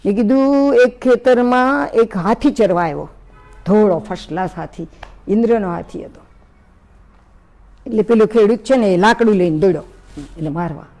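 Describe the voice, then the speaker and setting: A woman giving a storytelling talk to an audience, lively and speaking straight to her listeners. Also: medium pitch, normal speed. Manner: lively, acts out story voices, addresses listeners directly.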